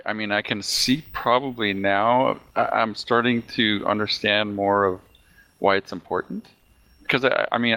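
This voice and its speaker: Man, very deep voice, podcast host, casual chat, halting, many "uh" and "you know". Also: highs cut off.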